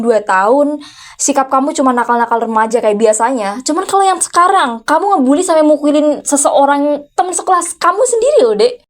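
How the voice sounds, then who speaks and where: A woman playing a furious rich aunt, high-voiced. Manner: scolding, sarcastic, repeated sharp "hah?" challenges. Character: furious rich unmarried aunt, CEO, scolding teen. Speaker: VTuber role-play creator. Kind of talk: ASMR role-play.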